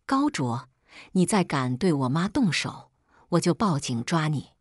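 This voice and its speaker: A woman's voice: deep voice, big pitch swings, unhurried, slightly rough, dry recording, clean studio sound, heavily acted. A woman voicing a defiant, scheming young woman who argues shrilly, in a storybook reading. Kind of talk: storybook narration.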